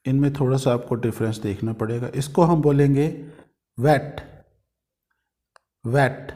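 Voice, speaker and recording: A male teacher from India giving a pronunciation lesson, slowly repeating each example word several times. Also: mid-range voice, mellow. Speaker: language teacher.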